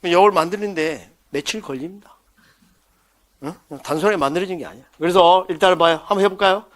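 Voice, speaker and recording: A man teaching an exam-prep lecture, joking and acting out little scenes as memory tricks and quizzing his listeners as he goes. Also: sits high. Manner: playful, jokes and mimics scenes for mnemonics; quizzes listeners with quick questions.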